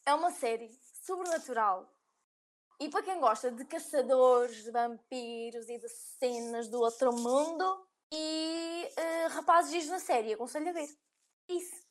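A woman's voice: high-pitched, unhurried. A young woman with a European Portuguese accent, co-hosting a podcast in casual, filler-heavy chat. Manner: chatty, laughs often, filler-heavy. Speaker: podcast co-host.

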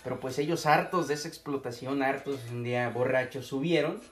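Brisk and mid-range, this young podcast co-host speaks with a Mexican Spanish accent. He's telling a story amid joking, profane, casual banter, and faint music plays in the echoey room.

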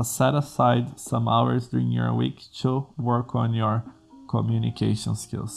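A Brazilian coding school host, whose first language is Portuguese, speaks English as a second language in an advice vlog to camera, earnestly walking programmers through career advice in plain steps with restarts. His voice is deeply gravelly and full of fry, with soft music playing quietly underneath.

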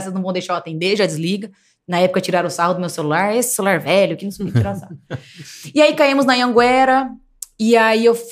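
A young woman from Brazil, a podcast guest, telling a story casually and acting out the voices of the people in it. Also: medium pitch. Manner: animated, acts out quoted voices.

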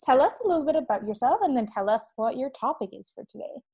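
A woman hosts a casual podcast chat, playing the friendly interviewer who asks her guest questions and laughs along. Her husky voice sits high and is expressive and dark-toned, and she talks at a quick pace.

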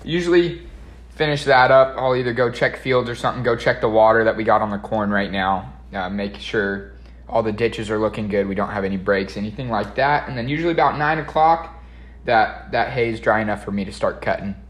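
A man's voice: lowish voice, brisk, roomy sound. A young man chatting casually as a podcast co-host, explaining his work in folksy rural phrasing. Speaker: podcast co-host and farm worker.

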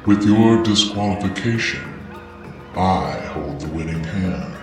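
A solemn, dignified Grim Reaper speaks in a hushed voice that sits very low and drags along slowly, as a man narrating the story puts him on. The sound is far off and heavily echoing, as if carried through a vast chamber. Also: over music. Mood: grave. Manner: slow, hushed and measured.

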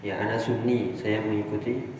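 A man's voice: on the low side, flat delivery, moderate pace, background noise. A man teaching Arabic grammar from a classical text, putting questions to his students and answering them himself. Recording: echoey hall from far off.

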